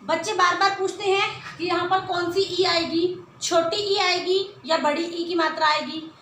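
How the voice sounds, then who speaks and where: A woman leads a children's Hindi lesson in a very slow, drawn-out way, asking question after question as she sounds out each word. Her voice is very high and bright. The recording is echoey, with faint noise behind her. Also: steady tone. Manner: slow, drawn-out syllables when sounding out words; patient explaining, frequent rhetorical questions. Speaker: Hindi teacher.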